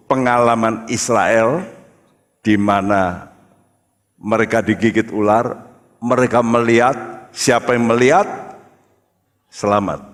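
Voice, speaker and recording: A man preaching a sermon as pastor, speaking to the congregation in an emphatic, deliberate way. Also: lowish voice. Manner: addresses the congregation as brothers, slow and emphatic. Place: church hall. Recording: church hall with long reverb.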